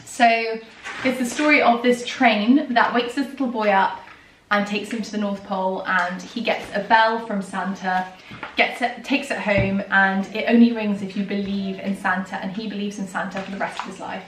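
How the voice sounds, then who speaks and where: Still hoarse after an illness took her voice, this thirty-something book vlogger talks about children's books in a relaxed, eager way, with many ums and gentle laughs. Her pitch is medium, her tone steady, and her speed normal. She's picked up from a distance in a roomy space, with a little background noise.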